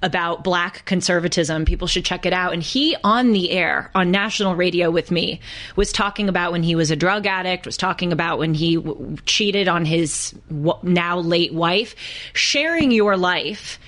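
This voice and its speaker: A woman co-hosting a podcast, telling a story in an earnest, halting way. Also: fairly low pitch, fairly bright tone. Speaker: podcast co-host. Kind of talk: casual podcast conversation.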